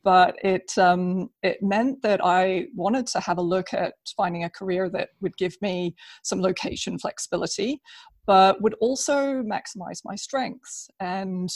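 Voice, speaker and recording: A woman speaking as an interview guest, explaining things conversationally in an agreeable, measured way. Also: mid-range voice, steady tone, no echo. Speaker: interview guest, business process consultant.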